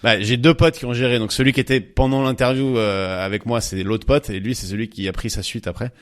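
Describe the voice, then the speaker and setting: A man's voice: medium pitch, brisk. A man co-hosting a casual chat podcast, talking in a loose, rambling way with many fillers and restarts. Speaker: podcast co-host.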